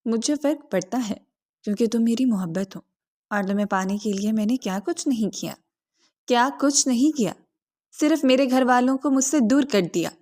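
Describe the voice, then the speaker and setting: A woman's voice: fairly high pitch, a little mellow, lightly acted. Possessive young lover, earnest and insistent, read by a woman narrator. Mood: intense pleading. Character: possessive young man, intense, pleading lover.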